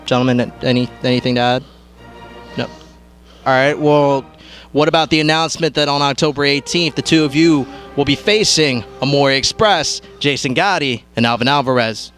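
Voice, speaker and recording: A man's voice: medium pitch, normal speed, a bit bright, soft background music. A man working as a backstage interviewer, asking polite, brief questions.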